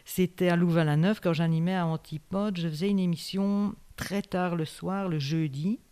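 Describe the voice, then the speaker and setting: A woman's voice: lowish voice, steady tone, normal speed, dark tone, clear, resonant tone. A woman, a former radio host, chattily recounting an anecdote in an interview and laughing often as she tells it.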